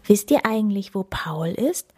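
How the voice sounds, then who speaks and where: A woman's voice: medium pitch, expressive, unhurried, breathy edge. A woman voicing a kind, cheerful male character who welcomes and comforts his animal friends. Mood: friendly. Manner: warm, beaming.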